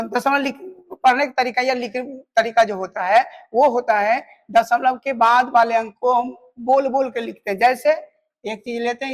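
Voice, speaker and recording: A woman math teacher giving a step-by-step lesson, slowly explaining each step and counting digits aloud. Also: a little high.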